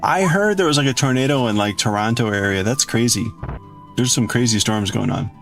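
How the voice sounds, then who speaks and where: Soft background music plays as a livestream host chats casually, crafting and reading out viewer chat. His fairly bright, medium-pitched voice moves a little fast, rambling and exclamatory as he greets and responds to viewers.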